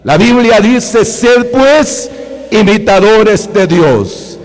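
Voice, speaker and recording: A man's voice: high voice, animated, drawn-out words. A man with a Guatemalan Spanish accent preaching a sermon in a church hall, emphatic and repetitive, often calling out to the brothers and sisters. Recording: long hall reverb.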